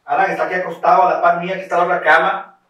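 A young man with a bright, lively voice, telling a story full of slang in casual chat. He sounds rather high for a man. The room is very echoey, and he is some way off the mic. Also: rapid-fire, recorded from a distance. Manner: animated, laughing, slangy, acts out voices.

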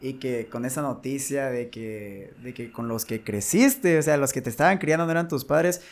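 A man hosts a conversational interview. He chimes in with short affirmations and then asks long, searching follow-up questions in a medium-pitched voice. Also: normal speed. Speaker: host.

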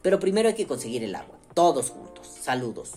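A man's voice: on the high side, very animated, fast talker, mellow, faint music behind. A man with a Mexican accent hosting a podcast, talking in a casual, profane, rambling way. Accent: Mexican Spanish. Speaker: podcast host.

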